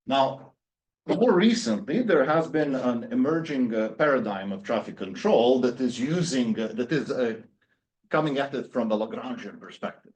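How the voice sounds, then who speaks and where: A man's voice: mid-range voice, lively intonation, normal speed, a little mellow. A man in his thirties from Serbia, giving an academic lecture with many fillers and restarts. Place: university seminar room.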